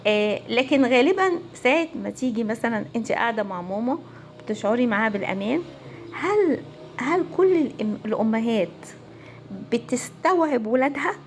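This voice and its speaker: A woman family counselor with an Egyptian Arabic accent, giving a casual, animated talk to viewers. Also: on the high side, fairly quick, a little hiss or hum. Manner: animated, conversational, acts out quoted voices.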